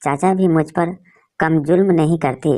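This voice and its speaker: Give me a woman with a low voice reading an emotional story in a steady, feeling way. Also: measured pace. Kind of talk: scripted story narration.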